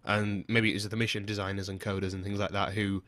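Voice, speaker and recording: A man's voice: on the low side, flat delivery, quick pace, a bit bright, no echo, clean studio sound. A man co-hosting a casual podcast chat, chatty and casually profane. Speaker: podcast co-host.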